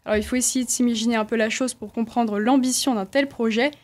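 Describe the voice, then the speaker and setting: A woman's voice: fairly high pitch, fairly even intonation, fast. A woman reporter reading a prepared news segment fluently on student radio.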